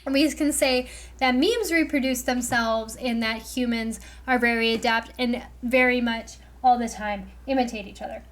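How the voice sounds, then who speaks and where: A woman's voice: fairly high pitch, steady tone, moderate pace. A woman giving a casual lecture on a livestream, chatty and loose, full of "like" and "you know". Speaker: streamer explaining memetics.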